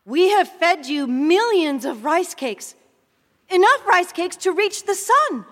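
A gentle, brave mother in a children's audio story, speaking softly and steadily, as a woman acts her out. Her voice sits very high and carries a long reverb behind it. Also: takes it slowly, heavily acted. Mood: calm. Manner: soft, steady and reassuring. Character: brave, calm mother of a young boy.

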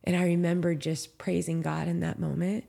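A woman's voice: on the low side, level tone, normal speed, vocal fry, mellow. A woman in her thirties from Southern California, a professional trail runner telling a heartfelt story in an interview, candid and full of "like" and "you know". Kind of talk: emotional storytelling in a podcast interview.

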